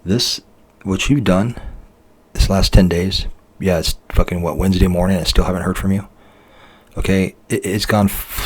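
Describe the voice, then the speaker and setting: A man's voice: low voice, darkish tone. A man leaving a bitter, accusatory voice message to his partner, ranting and swearing heavily. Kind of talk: angry recorded voice message.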